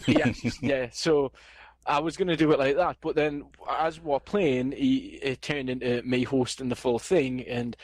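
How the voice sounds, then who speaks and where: Man, podcast host, casual chat, playful and boastful, middle pitch, dry close sound. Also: fairly even intonation, measured pace, no room sound.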